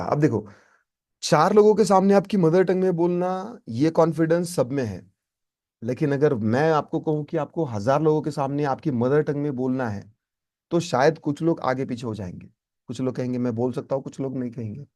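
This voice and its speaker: A man's voice: medium pitch, darkish tone. Emphatic man teaching spoken English. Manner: emphatic, repeats key points, asks "right?".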